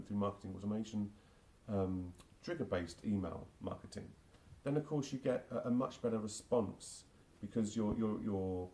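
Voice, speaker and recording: Warm and on the low side, the voice belongs to a forty-something man from England with a London accent. As a marketing automation specialist guest answering interview questions, he's hesitant, restarting often and using many fillers.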